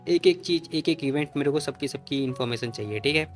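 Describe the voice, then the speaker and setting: A man voicing a commanding young woman boss in a comic recap, giving quick, bossy orders in his own plain voice. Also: on the high side, faint music behind, lightly acted.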